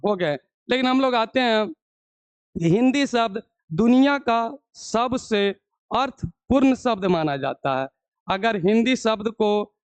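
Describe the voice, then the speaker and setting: A man's voice: extremely high pitch, smooth, dry recording. A man teaching Hindi grammar in a video lesson, asking the class questions and answering them himself.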